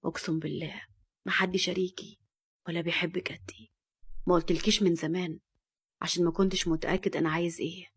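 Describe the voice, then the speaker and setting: A woman with an Egyptian accent voicing a cold, domineering rich man who speaks curtly and low. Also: flat delivery, fast, pauses often, slightly rough. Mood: cold, commanding. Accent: Egyptian Arabic. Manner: curt, low and menacing.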